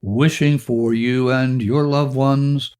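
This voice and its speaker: A man hosting a self-help podcast, speaking in a gentle, reassuring way. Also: medium pitch, fairly even intonation, takes it slowly, smooth. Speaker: podcast host.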